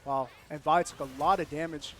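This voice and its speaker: A young man casting a college esports match, excitable and quick to laugh, often repeating himself. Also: on the high side. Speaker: esports caster. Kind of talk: live game commentary.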